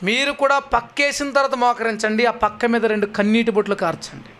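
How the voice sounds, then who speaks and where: A man's voice: very high-pitched, fairly even intonation, fairly quick, pushed and bright, slight background noise. A man preaching a sermon, pleading and asking rhetorical questions, his voice rising and dropping sharply. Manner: pleading, rhetorical questions with sudden rises and drops.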